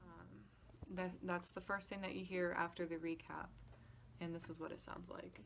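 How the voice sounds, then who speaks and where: A woman with a lowish, creaky voice and little pitch movement speaks at normal speed over some background noise. As a podcast composer, she gives a casual behind-the-scenes walkthrough, explaining informally and a bit hesitantly while music demo clips play.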